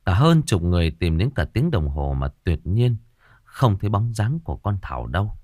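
A man telling a ghost story with dramatic flair. His pitch moves a lot as the tension builds, and the recording is dry and close, with no room sound. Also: normal speed, dry recording. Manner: dramatic, expressive. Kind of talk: horror story narration.

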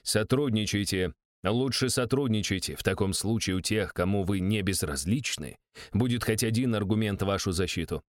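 Brief: bullying older official with a dry, low voice, read by a male narrator. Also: moderate pace, dry recording, close to an everyday voice. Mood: menacing. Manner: contemptuous, menacing, bullying. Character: harsh older male secret police count.

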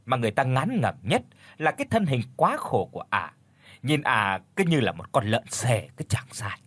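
A man narrates a village horror story in a husky, lively voice. His telling is gossipy and animated, recorded dry and close. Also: mid-range voice, moderate pace, dry recording.

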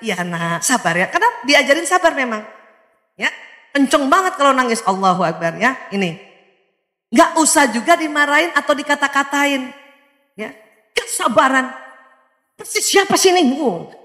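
A woman with a high, bright voice gives a lively parenting talk to mothers. She keeps questioning her audience and laughing. Her voice rings through a large, reverberant hall. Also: moderate pace, pauses often. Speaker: parenting speaker. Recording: echoey hall with long reverb.

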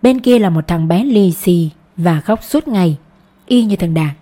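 A woman narrating a literary story as an audiobook reader, in a steady storytelling manner. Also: fairly low pitch, a little slow.

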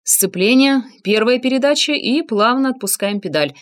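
Woman narrator voicing a blunt, short-tempered ex-paratrooper, audiobook; animated delivery. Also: fairly high pitch, normal speed, voice pushed up, lightly acted. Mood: instructing. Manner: barking commands, blunt. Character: impatient ex-paratrooper man, gruff, quick to shout.

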